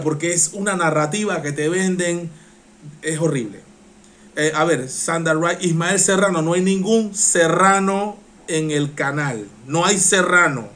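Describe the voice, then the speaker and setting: Excitable Panamanian man, live commentary. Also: on the high side. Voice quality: strains his voice. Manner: excitable, passionate, gets worked up. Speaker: live-stream political commentator. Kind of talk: live-stream reaction talk.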